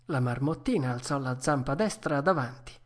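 A woman narrating a classic children's story in a measured, expressive way. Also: a bass voice. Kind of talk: storybook reading.

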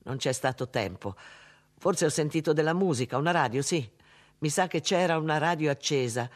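A man's voice: a little high, expressive, moderate pace, lightly acted. Bewildered grieving father in an audiobook, read by a male narrator, subdued and hesitant.

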